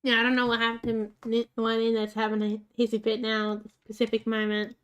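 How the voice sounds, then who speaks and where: A woman talks her way through a game in a loose, chatty way. Her voice sits fairly high, and she often speaks fondly to the pets on screen. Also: completely flat delivery, quick pace, a bit bright, clean tone, dull audio. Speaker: gaming channel host. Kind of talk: casual gameplay commentary.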